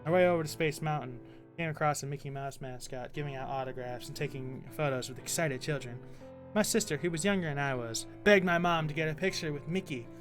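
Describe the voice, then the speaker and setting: A male streamer reading a creepypasta aloud with expressive delivery, breaking off now and then to mutter. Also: on the high side, fairly quick, over music. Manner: expressive reading, quiet muttering asides while gaming. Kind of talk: reading a horror story aloud.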